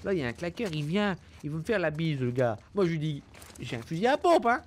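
A young man giving casual, joking and excitable game commentary in slang, jumpy when startled. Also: fairly high pitch, quick pace, a little hiss or hum. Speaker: game streamer. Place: indoor room at home. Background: game sounds.

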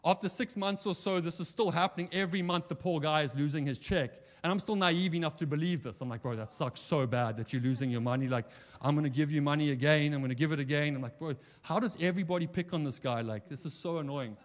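Male preacher, high voice, animated storyteller, long church echo. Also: fast talker, few pauses. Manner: animated anecdote-telling, acting out quoted dialogue. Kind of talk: sermon storytelling. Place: church hall.

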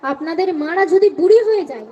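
A woman folk singer arguing to an audience in a live stage debate, speaking and then singing slow verses. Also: very high-pitched, lively intonation, a little mellow. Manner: declaiming to the audience, slipping into slow sung verses. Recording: distant, dull live stage recording.

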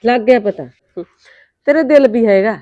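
An actress playing a feisty, sharp-tongued mother in a Punjabi short film, snapping back in a quarrel, with a Punjabi accent. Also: fairly high pitch, normal speed, dry recording, dull audio, natural voice. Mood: defensive. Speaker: mother of Reet.

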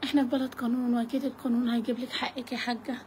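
A woman reporter with an Egyptian accent asks brisk, probing questions at a very rapid clip. Her voice sits slightly high. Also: flat delivery, darkish tone, a little hiss or hum. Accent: Egyptian Arabic. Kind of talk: interview questions.

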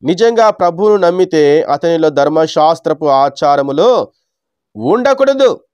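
A man from India preaching a Sunday sermon in a measured teaching tone, asking his listeners rhetorical questions. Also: on the high side, lively intonation, a little mellow, clean tone, no echo.

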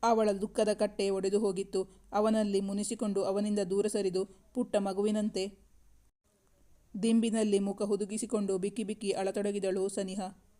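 Monotone audiobook novel narrator. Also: mid-range voice, normal speed. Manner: steady, even storytelling.

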